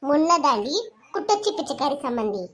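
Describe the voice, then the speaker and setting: A woman voicing a spiteful female relative who taunts an in-law with sneering, drawn-out jeers. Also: high voice, very animated, fairly bright tone. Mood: mocking.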